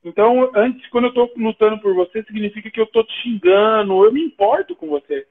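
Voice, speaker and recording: His voice is high, husky and fairly quick. The live talk-show host, who has a Brazilian Portuguese accent, tells stories casually and performs the dialogue with animation, all through a tinny, phone-quality connection.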